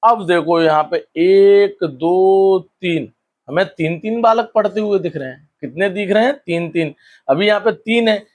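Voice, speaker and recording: A male teacher explaining a school lesson, asking questions and answering them himself, drawing out key words slowly. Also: on the high side.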